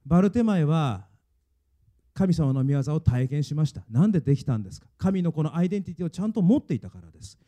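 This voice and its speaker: A man's voice: on the high side, animated, fast talker, dark tone. A male pastor preaching a sermon earnestly and emphatically, and leading his congregation in reading aloud.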